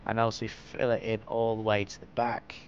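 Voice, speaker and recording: In a lowish, monotone voice at normal speed, a northwest England host with a Lancashire accent offers rambling, self-deprecating remarks while walking through a game-building tutorial. The audio sounds dull and lo-fi, with clear background noise.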